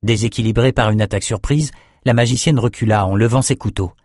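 Steady male audiobook narrator, dry close sound. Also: fairly low pitch, fast, no echo. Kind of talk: scripted narration.

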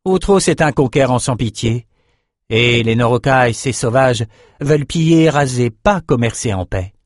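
A man's voice: medium pitch, animated, moderate pace, dry recording, studio quality, natural voice. A man voicing an icy stern sorceress. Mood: cold firm. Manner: curt and icy. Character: cold stern young woman sorceress.

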